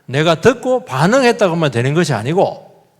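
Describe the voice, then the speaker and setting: A man's voice: a little high, sing-song, moderate pace. A middle-aged male pastor delivering a sermon in a conversational way, asking rhetorical questions and acting out everyday quotes. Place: church sanctuary. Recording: long reverb of a church hall.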